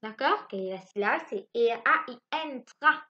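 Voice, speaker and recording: A woman teaching a phonics lesson to young children from home. She spells out letters slowly and keeps asking the class if they follow. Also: on the high side, lively intonation, dull audio. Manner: slow, spelling out letters and asking checking questions. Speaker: primary school teacher.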